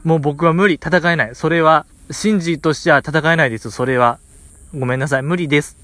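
Telling a story on his podcast, this Kansai-accented man sounds animated and comically exasperated, packing in lots of fillers. He talks a little fast in a fairly high voice, and the recording is dry.

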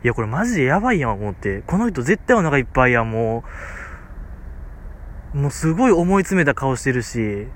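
A man's voice: medium pitch, sing-song, brisk, slight background noise. A man with a Kansai accent who tells a casual story on a podcast, rambling with many fillers. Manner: rambling, filler-heavy, amused. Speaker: podcast host.

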